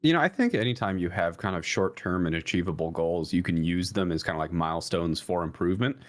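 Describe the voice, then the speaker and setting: A man co-hosting an esports talk show, explaining his view in a rambling way, with many restarts and fillers. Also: fast. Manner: rambling with many restarts and fillers, jumps higher when emphatic. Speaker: esports podcast co-host. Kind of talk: casual analytical chat.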